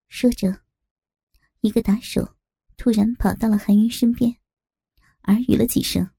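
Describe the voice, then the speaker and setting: A woman reads a crime story aloud with steady, dramatic pacing. Her voice sits somewhat high but is dark and mellow, with a gravelly edge and a touch of huskiness. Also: a little slow. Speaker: narrator. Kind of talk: audiobook narration.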